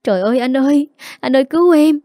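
A woman narrator voicing a wronged young wife who speaks quickly and shrilly as she pleads and accuses, in an audiobook story. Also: animated, darkish tone, dry recording, clean studio sound, natural voice. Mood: pleading. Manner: shrill, accusing, talks fast.

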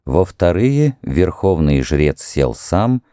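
A man narrating an audiobook in a measured, even reading. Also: sits low, no echo, clean studio sound. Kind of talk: scripted narration.

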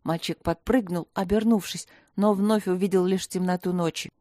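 A woman narrating a fantasy story in a steady, measured way. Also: on the low side, no room sound, studio quality. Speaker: audiobook narrator.

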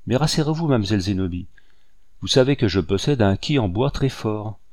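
A man voicing a cunning, scheming older woman who speaks curtly and in a hushed tone, in a dry recording. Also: on the low side, animated, a little fast, dry recording. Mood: persuading. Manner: curt, sharp, hushed.

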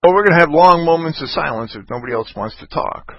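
A man's voice: on the high side, lively intonation, fast, dry recording. A man hosting a casual call-in talk show, rambling and ranting with many restarts. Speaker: podcast host. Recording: dull lo-fi online voice chat.

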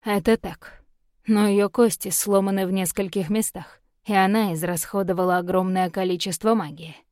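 A woman's voice: mid-range voice, steady tone, moderate pace, darkish tone, dry recording, studio quality, close to an everyday voice. A woman reading an audiobook, voicing a curt, commanding male fae prince of fire.

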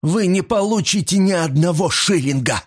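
A man voicing a furious middle-aged woman accused of crimes, shrill and screaming in an audiobook. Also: lively intonation, unhurried. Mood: hysterical.

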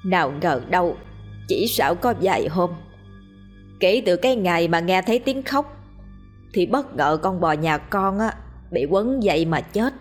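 A woman's voice: on the low side, animated, unhurried, pauses often, soft background music. A woman voicing a grieving village wife who pleads with the elders humbly and tearfully. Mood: recounting.

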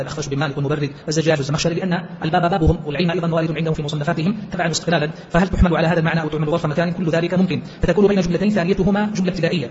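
Fast-talking man explaining a text. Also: a little high, a little mellow, dull audio, a little hiss or hum. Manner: rapid, explanatory, quotes verses in between. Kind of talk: classroom text commentary.

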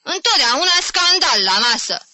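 A woman doing Caterina, a hot-tempered, sharp-tongued woman. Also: medium pitch, no room sound, natural voice. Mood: cross, wry. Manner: cross, wry. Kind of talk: audiobook reading.

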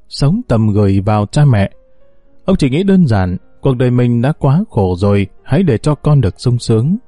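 A man narrating a scripted story in a steady, measured way. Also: mid-range voice, dry recording.

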